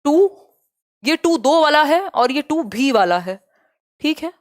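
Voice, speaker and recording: A lively young woman teaching an online exam-prep lesson. Her voice sits a little high. She mixes English terms into her explanations and keeps checking whether her students have understood. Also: takes it slowly. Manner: lively, asks students many check questions.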